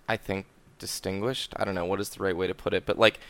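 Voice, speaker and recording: Young male co-host, smooth and a bit low, easygoing, thinks aloud. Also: fairly even intonation, fast talker, fairly bright tone, no echo. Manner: thoughtful, uses "like" and "man" often. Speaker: podcast co-host, gaming YouTuber. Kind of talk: casual group chat.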